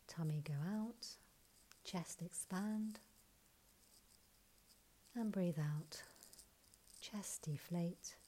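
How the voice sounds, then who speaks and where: A woman leading a guided breathing exercise, counting breaths and giving calm, soft instructions, sometimes close to a whisper. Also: low voice, slightly rough. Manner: slow soothing counting instructions.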